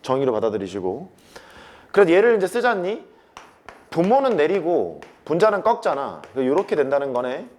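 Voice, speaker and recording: Guy teaching math class, kinda high voice, pitch jumps all over, repeats stuff to drill it in. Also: wildly swooping pitch, fairly quick, darkish tone, a little hiss or hum. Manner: casual banmal to students, emphatic repetition.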